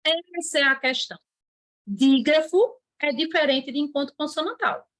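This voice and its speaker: High-voiced woman teaching a lesson. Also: fairly bright tone. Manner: explains slowly, stretching key words, asks students' questions in a put-on voice; writes on a board while talking. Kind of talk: online grammar lesson.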